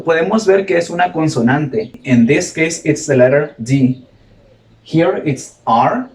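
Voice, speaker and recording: A man teaching a classroom grammar lesson, who quizzes his students and repeats example words slowly. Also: a little high, darkish tone. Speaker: English teacher. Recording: echoey room, mic far off.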